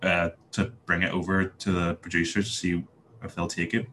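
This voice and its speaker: This podcast guest, a young man from Northern Ireland with a Belfast accent, has a deep, fairly bright voice with little pitch movement and a moderate pace. His casual interview talk is hesitant, with many fillers and restarts. There's slight background noise.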